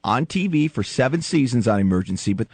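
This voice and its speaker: A man's voice: medium pitch, animated, fairly quick, a little mellow, slightly rough, dry recording. American man, morning radio DJ interviewer. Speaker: radio morning show host.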